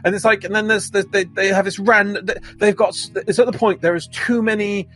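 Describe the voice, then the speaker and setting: Husky, fast-talking ranting man. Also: high voice, soft background music. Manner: animated ranting, exasperated. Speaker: podcast co-host. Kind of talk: casual anime review chat.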